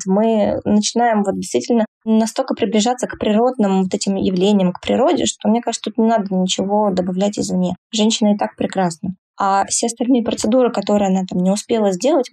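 A woman cosmetologist giving measured, explanatory answers in an interview, now and then hesitating. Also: medium pitch, creaky, dark tone. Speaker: cosmetologist-dermatologist.

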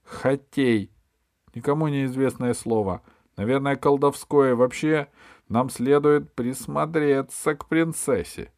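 A man voicing an irritable, suspicious male court chamberlain who scolds loudly. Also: mid-range voice, slow, creaky, no echo, clean studio sound, pitched above the performer's own voice.

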